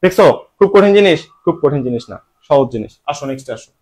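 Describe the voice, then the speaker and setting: A man's voice: on the high side, expressive, fast talker, a little mellow. A man teaching English grammar for an admission exam in Bengali-style speech, teasing his students and asking and answering his own questions. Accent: Bangladeshi Bengali. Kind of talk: online admission-exam lesson.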